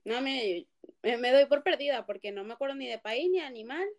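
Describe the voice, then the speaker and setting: A woman's voice: high voice, animated, a little fast. A young woman with a Venezuelan accent, chatting casually and teasing her friend during a word game. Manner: teasing, laughs often.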